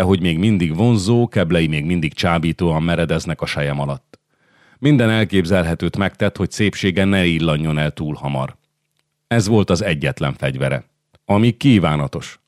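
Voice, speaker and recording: Egy férfi nyugodt, kimért tempóban olvas fel egy történelmi regényt hangoskönyvként. Rendkívül mély a hangja, és a felvétel száraz, közeli. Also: male voice, low voice, a little mellow, no room sound, studio quality. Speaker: audiobook narrator. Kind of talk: scripted audiobook narration.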